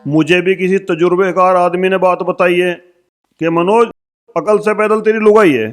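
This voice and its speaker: Man, high voice, scolding and blustering, faint music behind. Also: steady tone, normal speed. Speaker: husband in comedy sketch. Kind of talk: rustic comedy acting.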